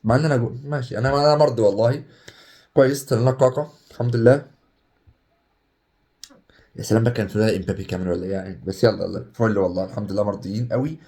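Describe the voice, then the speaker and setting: A young Egyptian man talking casually over a game, excitable and chatty, swinging between hype and groans. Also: on the low side, racing, long pauses. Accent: Egyptian Arabic. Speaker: gaming YouTuber. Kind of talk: casual gameplay commentary.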